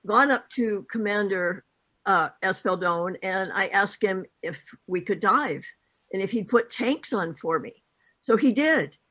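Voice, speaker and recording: A woman's voice: mid-range voice, fairly bright tone. A woman, a guest on a dive panel, telling enthusiastic stories in casual chat.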